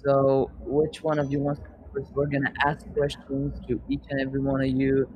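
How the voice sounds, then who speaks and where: A young male podcast host chats loosely with up-and-coming rappers, asking them questions in a rambling, casual way and swearing freely. His mid-range voice is brisk but completely flat, and the dull audio carries a faint hiss or hum.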